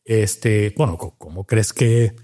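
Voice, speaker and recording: Slow and mellow, with a fairly low pitch, this Cuban doctor-scientist reflects on his life in a relaxed interview, frequently using fillers and starting sentences over.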